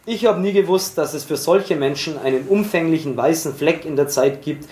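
A man reading a literary memoir aloud in a measured, expressive way. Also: fairly high pitch. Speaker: reader. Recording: roomy echoey recording.

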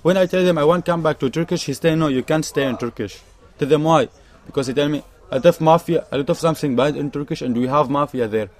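A young Syrian refugee tells his story in an interview, speaking earnest, emphatic, broken English with a Syrian Arabic accent and non-native grammar. His fairly high, darkish voice moves fast with hardly any pauses, and he keeps repeating his points.

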